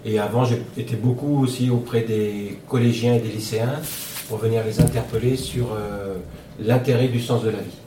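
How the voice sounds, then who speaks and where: A priest introducing himself and his past mission work in a radio interview, speaking calmly and steadily. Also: fairly low pitch, moderate pace. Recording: echoey room, distant mic, noisy.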